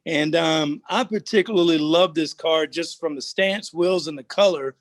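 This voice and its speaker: Male host, bright-pitched, dry sound, quick friendly questions over video call. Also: no room sound. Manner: upbeat, quick, asks questions. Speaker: host of online car club show. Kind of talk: casual hosting on video call.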